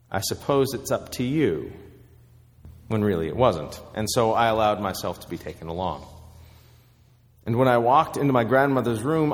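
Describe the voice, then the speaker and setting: A man preaching a sermon, telling a story with measured pauses. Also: medium pitch, in a large hall.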